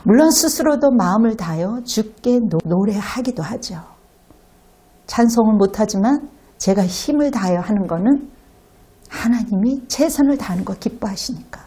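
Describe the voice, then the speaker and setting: A woman's voice: medium pitch, moderate pace, breathy edge. A woman pastor preaching a sermon, telling a story animatedly and asking the congregation rhetorical questions. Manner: animated storytelling, acting out quotes.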